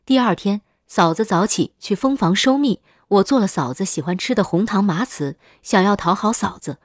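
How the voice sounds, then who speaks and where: A woman narrates a creepy first-person tale in a steady, matter-of-fact scripted read. Her pitch sits in a middle range. The recording is dry and close, with no room echo. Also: moderate pace. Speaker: story narrator.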